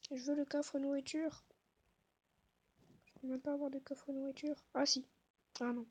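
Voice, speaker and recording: A woman giving casual gameplay commentary, talking softly to herself and the viewers with self-mocking asides. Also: high-pitched, little pitch movement, normal speed. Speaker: gaming video creator.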